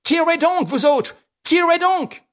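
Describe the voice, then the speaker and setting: A man voicing an arrogant English detective who mocks his rival scornfully and shouts orders. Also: high voice, animated, measured pace, pitched above the performer's own voice. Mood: shouting. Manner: mocking, scornful, bursts into shouting.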